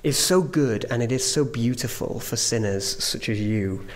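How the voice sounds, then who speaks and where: A man preaching a sermon, phrasing his points emphatically with measured pauses. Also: mid-range voice, slight background noise.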